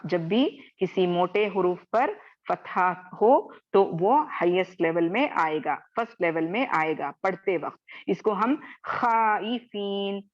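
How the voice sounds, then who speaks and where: A woman teaching Quran recitation in an online class, drawing out example words and often checking in with her students. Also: on the low side. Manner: slow, repeats example words drawn out; often checks in with "theek hai?". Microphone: video call. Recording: dull lo-fi video call audio.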